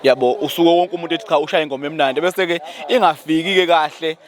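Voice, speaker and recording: A man's voice: on the high side, steady tone, fast talker. A man with a Zulu accent, a musician talking casually as an interview guest in a humble, thankful, repetitive way.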